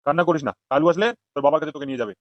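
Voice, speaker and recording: A man voicing a bossy male gang leader in an animated comedy, giving gruff orders. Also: fairly high pitch, racing, no room sound, close to an everyday voice. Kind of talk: cartoon voice acting. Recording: dull lo-fi dry sound.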